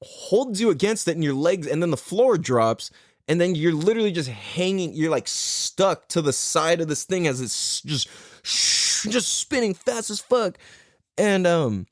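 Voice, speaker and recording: A man's voice: a little high, animated, measured pace, dry recording, clean studio sound. A man from the United States in his thirties, hosting a podcast and telling a long story in a rambling, profane way, laughing often. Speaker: podcast host. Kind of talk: casual storytelling monologue.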